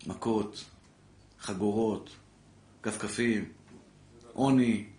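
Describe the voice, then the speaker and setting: A man, a rabbi, giving an impassioned Torah class to a live audience, calling listeners brother and building to loud exhortation. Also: on the low side, steady tone. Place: lecture room with a live audience. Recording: echoey room with faint background noise.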